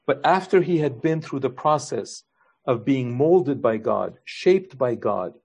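Husky-voiced man preaching a sermon. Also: mid-range voice, animated, unhurried, darkish tone. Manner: earnest preaching with repeated rhetorical questions. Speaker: pastor.

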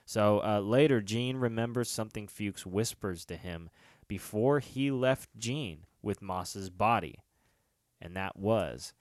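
Man, low smooth voice, casual tv recap podcast host, rambling with fillers. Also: slow, no echo, studio quality. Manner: rambling, lots of fillers and restarts.

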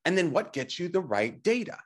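A man's voice: high voice, very animated, a little fast, husky. A middle-aged man giving a motivational slide presentation, emphatic and coaching, putting questions to the listener and checking in. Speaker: presenter and teacher on health technology.

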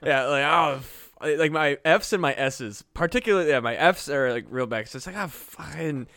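Male podcast co-host, higher-pitched, rambling, swears a lot, dry close recording. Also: moderate pace, a bit bright, dry recording. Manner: rambling, heavy use of "like" and swearing. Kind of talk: casual chat.

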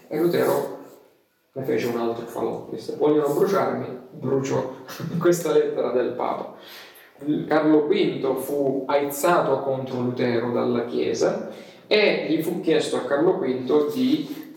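A man's voice: medium pitch, vocal fry, a little mellow. A man preaching a sermon as a pastor, telling a story with many hesitations. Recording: echoey room from far off.

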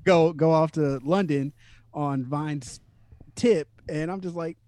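A man telling stories in a casual podcast chat, animated, swearing casually and laughing often. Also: fairly high pitch, slow.

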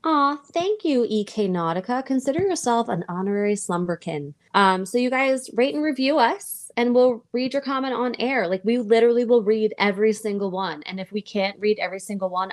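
A woman's voice: mid-range voice, expressive, a little fast, few pauses. A woman chats as a podcast co-host in a mid-range voice. She is informal and slangy, and given to exclamations as she talks. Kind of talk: casual chat.

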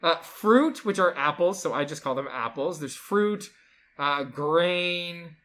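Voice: medium pitch, expressive, takes it slowly, a bit bright. Enthusiastic host explaining game rules. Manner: enthusiastic, chatty, lots of fillers like "like". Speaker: board game show co-host.

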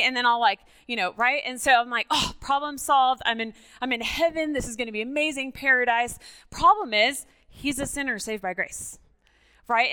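At church, a guest speaker from Mexico, a middle-aged native Spanish speaker, relates her personal testimony with animated, conversational energy and frequent check-ins with her listeners. She has a high voice with a clear, resonant tone.

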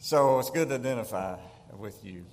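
A man's voice: mid-range voice, expressive, normal speed. An older man with a Southern accent from Tennessee, preaching a folksy sermon as a guest pastor and telling humorous stories. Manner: storytelling, chuckles at his own jokes. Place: church sanctuary. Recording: long church hall reverb.

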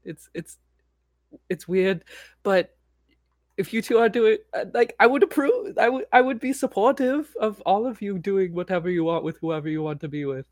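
A woman's voice: medium pitch, expressive, moderate pace, a little mellow, no room sound, clean studio sound. A woman playing a tabletop role-playing game, talking bluntly and rambling in character. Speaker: player.

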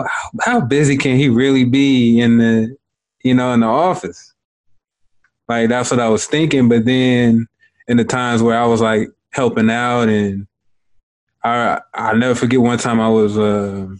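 A young adult man hosting an interview, talking casually with lots of fillers and informal slang. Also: medium pitch. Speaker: interviewer, host. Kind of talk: casual conversation.

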